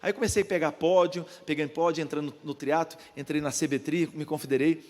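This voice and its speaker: A man's voice: a little high, fairly even intonation, fast, a little mellow, in a large hall. An older man with a Brazilian Portuguese accent, a pastor preaching a sermon and telling a story, acting out the voices of the people in it. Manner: storytelling, acts out the voices of others in his anecdotes. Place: church.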